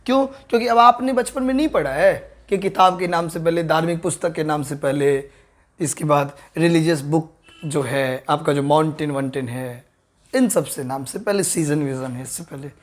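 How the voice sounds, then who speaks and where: A man teaching an online grammar lesson. He keeps asking the viewers whether they understood and slowly repeats the key terms at a board. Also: fairly high pitch.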